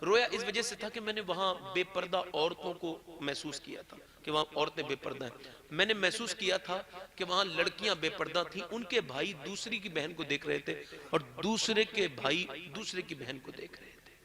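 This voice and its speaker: A male preacher with a high voice delivers a sermon to a live gathering, often swelling to impassioned shouts. The murmur of a crowd sits behind him throughout. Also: normal speed. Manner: impassioned, builds to shouting, addresses crowd directly. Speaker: Islamic preacher.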